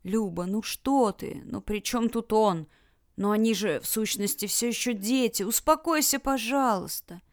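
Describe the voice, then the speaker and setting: A woman reading an audiobook, voicing a gentle old man who mumbles soft, soothing words. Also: mid-range voice, normal speed, dry recording, clean studio sound, lightly acted. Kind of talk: audiobook character voice.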